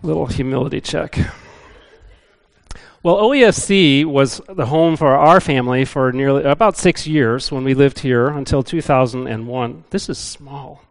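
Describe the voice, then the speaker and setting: A man's voice: mid-range voice, normal speed, vocal fry. A middle-aged man, a visiting missionary, giving a casual, self-deprecating church talk with frequent "uh" fillers. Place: church building.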